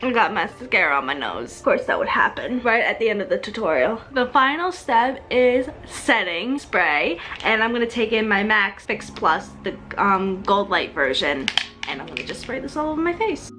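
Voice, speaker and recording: A young woman in her twenties, a beauty vlogger and esthetician, chats casually through her everyday makeup tutorial, saying "like" constantly. Her medium-pitched voice is very animated, bright and forceful at normal speed, with soft music in the background.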